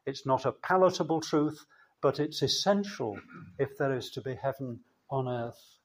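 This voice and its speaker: A man preaching a sermon in a church, slow and measured, with emphatic pauses. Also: medium pitch, slight background noise.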